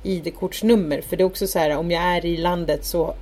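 Lively Swedish woman storyteller, mellow voice. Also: fairly low pitch. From Sweden. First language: Spanish. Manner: animated storytelling, acts out quoted dialogue. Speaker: podcast co-host. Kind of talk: casual chat. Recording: faint background noise.

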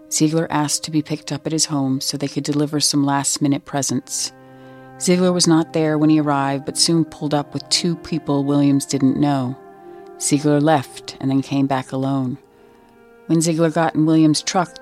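A reporter giving measured, scripted narration of a true-crime story. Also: medium pitch, a little mellow.

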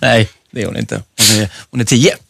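A man's voice: mid-range voice, steady tone, vocal fry, a bit bright, slightly rough, dry recording. A man co-hosting a casual podcast chat, teasing his friend with frequent restarts. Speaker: podcast co-host.

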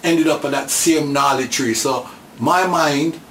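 An older man from Aruba with a Caribbean accent, telling stories casually and haltingly in colloquial phrasing as an interview guest. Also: a little high, fairly bright tone. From Caribbean, born in Aruba, raised in Trinidad and Dominica. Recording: roomy echo, clear background noise.

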